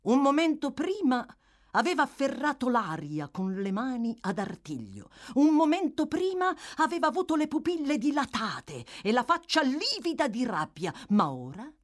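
Expressive woman narrating an audiobook. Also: sits high, moderate pace. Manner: expressive, dramatic reading. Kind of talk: scripted narration.

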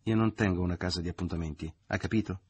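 Male reader as a indignant, fussy middle-aged mother; low husky tone. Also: quick pace, darkish tone, no room sound. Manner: complaining, indignant. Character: fussy middle-aged mother, touchy, quick to take offense.

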